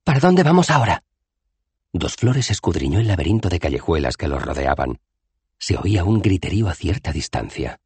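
A man with a husky voice narrating an audiobook in a measured, expressive reading. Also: rumbling low, no room sound. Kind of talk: scripted narration.

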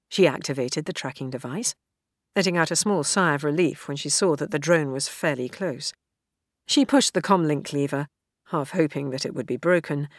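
Low-voiced woman reading a story. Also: dry recording, clean studio sound. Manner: measured, even storytelling. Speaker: audiobook narrator. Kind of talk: scripted narration.

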